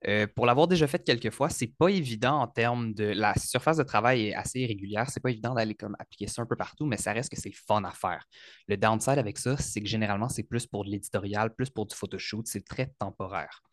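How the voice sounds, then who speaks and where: A man in his thirties with a Quebec French accent, a hairstylist guest talking in a relaxed, hesitant way with fillers. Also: fairly low pitch, fast talker, no echo, studio quality. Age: 30s. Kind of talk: casual interview.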